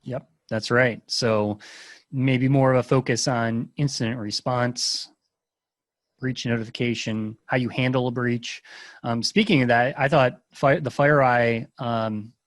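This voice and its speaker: A man hosting a podcast in casual chat, agreeable and unhurried, asking follow-up questions. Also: medium pitch, steady tone, no echo.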